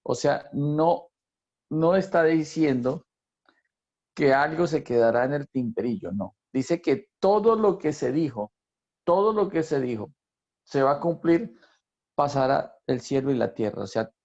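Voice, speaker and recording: Gravelly dark-voiced guy teaching bible class, repeats himself a lot, dull lo-fi sound. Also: mid-range voice, expressive, a little slow. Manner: repeats phrases for emphasis and quizzes the class.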